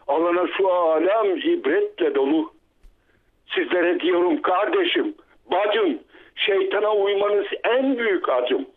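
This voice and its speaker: A man from Bulgaria calls a radio show over a landline phone and reads a religious poem in an earnest, measured way. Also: high voice. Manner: earnest, measured reading with drawn-out pauses. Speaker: radio caller. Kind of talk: reciting a religious poem on air. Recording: tinny phone line.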